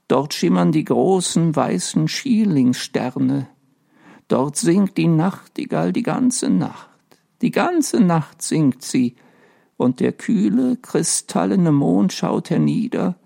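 A man's voice: sing-song, gravelly, darkish tone, husky, exaggerated voice. A man doing a weary, dreamy old ghost. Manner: dreamy, plaintive, higher and slower. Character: weary centuries-old male ghost, sad and sleepless.

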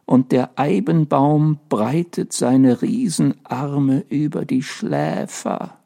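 A man's voice: big pitch swings, gravelly, darkish tone, breathy edge, heavily acted. A man doing a weary, dreamy old ghost. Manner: dreamy, plaintive, higher and slower. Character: weary centuries-old male ghost, sad and sleepless.

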